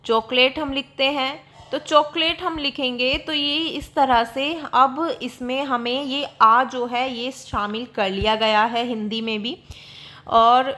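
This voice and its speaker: A woman's voice: high voice, fairly even intonation, takes it slowly, bright, forceful tone. A woman teaching a grammar lesson, explaining patiently and repeating examples with frequent checks.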